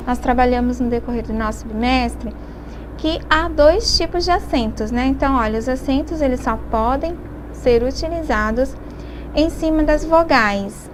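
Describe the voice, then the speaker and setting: A woman's voice: high voice, slight background noise. A woman with a Brazilian Portuguese accent teaching a recorded distance-learning lesson, explaining patiently step by step and often checking in with her students.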